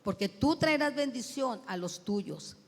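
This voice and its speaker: Slow-speaking woman pastor in echoing church. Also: a little high, lively intonation. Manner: storytelling, with repetitions and restarts. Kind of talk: sermon. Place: church sanctuary. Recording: long church reverb.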